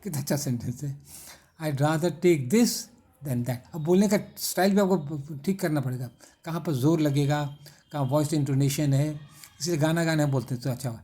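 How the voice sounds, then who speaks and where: A man teaching grammar in a classroom lesson, explaining in Hindi and reading example sentences aloud slowly, with heavy stress. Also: a little high, dark tone. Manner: slow, reads English examples aloud in drawn-out, stressed words.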